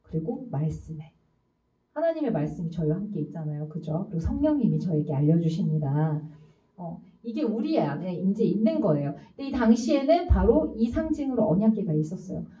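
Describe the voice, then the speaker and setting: A middle-aged woman preaching a youth sermon, telling stories in a lively way and acting out voices. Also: lowish voice, brisk. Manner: animated storytelling, acts out voices. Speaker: youth pastor. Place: church sanctuary. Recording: echoey room, distant mic, dull sound.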